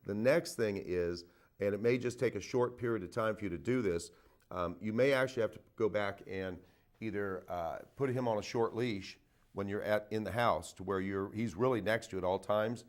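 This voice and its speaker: Man, veterinarian host, low voice, folksy, repetitive, casual call-in advice. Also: moderate pace. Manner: folksy, repeats himself, frequent "okay?" and "uh". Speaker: veterinarian radio host taking calls. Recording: phone-in radio.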